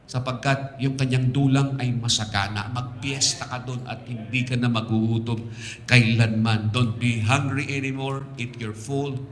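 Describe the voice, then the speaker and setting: A Filipino man preaching a sermon from the pulpit, mixing Tagalog and English and building to loud, passionate appeals. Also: medium pitch, slight background noise. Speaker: pastor. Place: church sanctuary. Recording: echoey church hall, slightly distant.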